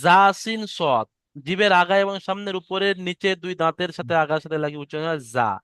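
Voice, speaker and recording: A man teaching Quran recitation in an online lesson, chanting verses slowly and explaining pronunciation patiently. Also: high-pitched, fairly bright tone, clear, resonant tone, no room sound, studio quality.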